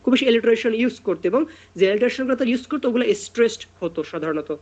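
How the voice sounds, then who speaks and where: A male tutor giving an online class lecture. He reads out points slowly, then explains them at length with frequent fillers and hesitations. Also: very high voice, animated, lo-fi sound. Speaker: literature tutor.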